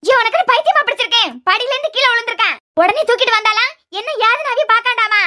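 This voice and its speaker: A woman's voice: extremely high pitch, very fast, pushed and bright, a little hiss or hum, full character voice. Woman doing a scolding cartoon mother-in-law. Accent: Kanyakumari Tamil. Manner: scolding, complaining. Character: sharp-tongued scolding middle-aged mother-in-law.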